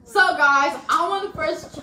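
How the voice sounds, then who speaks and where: A young woman with a high, animated voice chats casually. The recording is very noisy and echoey, as if from across the living room. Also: measured pace. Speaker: vlogger in a family challenge video. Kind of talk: casual chat. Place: living room sofa, indoors. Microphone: camera a few feet away. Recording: noisy, roomy, distant microphone.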